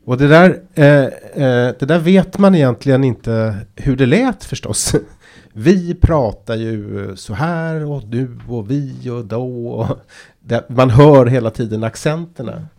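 A man leads a conversation about reading poetry aloud, pausing and restarting often. He explains patiently in an ordinary mid-pitched voice. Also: creaky, darkish tone. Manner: hesitant, many fillers and restarts, explains patiently. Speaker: podcast host. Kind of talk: casual discussion of poetry.

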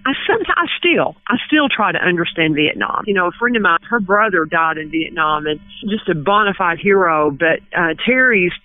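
A woman in her fifties from West Kentucky, a guest calling in who recalls a personal memory earnestly, with halting restarts. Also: fairly low pitch, animated, dry recording. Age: 50s. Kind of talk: emotional personal recollection on the phone. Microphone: telephone. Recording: tinny phone line.

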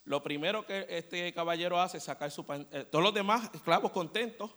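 Animated preacher in a hall. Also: male voice, high voice, fairly quick. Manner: animated storyteller, asks the congregation "¿verdad?". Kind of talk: storytelling sermon. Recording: long church hall reverb.

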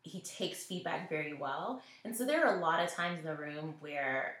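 Speaking at a moderate pace, this Nashville, Tennessee woman has a low, fairly bright, expressive voice. As an interview guest and school network executive, she reflects earnestly and often relays what others said. The room gives the audio an echo.

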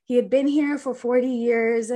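A woman's voice: fairly high pitch, fairly even intonation, normal speed, mellow. A woman physician from the Chicago area telling her story as a podcast guest, bubbly and effusive, with plenty of likes. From Chicago area, United States. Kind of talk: podcast interview.

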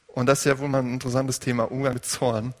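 A man's voice: mid-range voice, flat delivery, quick pace, in a large hall. A male pastor preaching a conversational sermon and putting questions to his congregation.

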